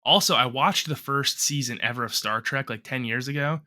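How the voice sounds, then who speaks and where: Bright-voiced rambling podcast guy. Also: medium pitch, normal speed. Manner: rambling, swears a lot, animated rants. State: lingering cough and congestion. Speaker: podcast co-host. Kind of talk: casual podcast chat.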